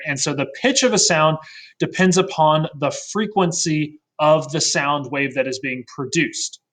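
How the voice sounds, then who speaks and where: A man with a fairly high, pushed, bright voice teaches a recorded science lesson casually. He keeps tacking on "right?" and uses fillers, correcting himself mid-sentence.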